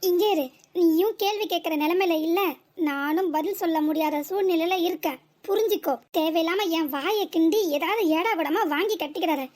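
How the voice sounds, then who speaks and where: Woman doing a cheeky cartoon daughter with a southern tamil nadu accent, sarcastic comebacks, super high squeaky voice. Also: normal speed, darkish tone. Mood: mocking. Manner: mocking, sarcastic retorts. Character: sharp-tongued defiant young married daughter. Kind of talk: cartoon comedy dialogue.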